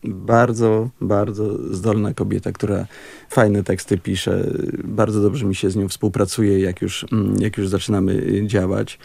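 A man with a gravelly, creaky voice talks over his composing work in a halting, thoughtful way, filling pauses with small hums. The sound is close and dry, with no room around it. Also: fairly low pitch, darkish tone, dry recording. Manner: thoughtful, halting with many fillers. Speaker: composer and musician. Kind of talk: casual interview talk.

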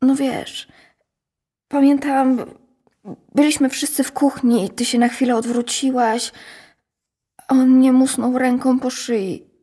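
A high-voiced young daughter in a radio drama, played by a woman, frightened and bitter. She speaks slowly, in a halting, shaky way, as if each word costs her. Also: little pitch movement, warm tone, breathy edge, heavily acted. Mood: hushed.

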